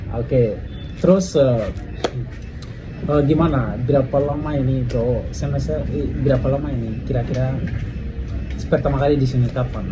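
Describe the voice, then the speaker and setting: A man's voice: mid-range voice, moderate pace, over music. A man speaking Indonesian as a foreigner with a West African accent, hosting a casual chat and mixing in Javanese slang and English. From Africa, Mali. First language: not Indonesian. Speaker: podcast host. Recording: clearly noisy background ambience.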